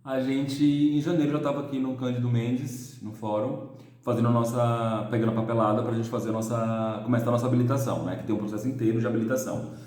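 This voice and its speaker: Man in his thirties, dark echoey voice. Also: medium pitch, steady tone, fast talker. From Salvador, Bahia, Brazil. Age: 30s. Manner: thoughtful, searching for words. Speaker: adoptive father interviewee. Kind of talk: documentary interview. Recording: echoey room on a phone.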